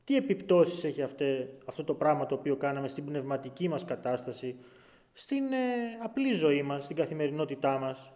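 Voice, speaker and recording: A man preaching a sermon, his voice rising loud when he tells the scripture story and dropping low for quiet asides. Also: lively intonation. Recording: long hall reverb.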